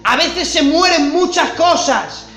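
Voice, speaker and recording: A man preaching a sermon with passion, swinging from loud cries to hushed tones. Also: extremely high pitch, animated, slow pace, reverberant.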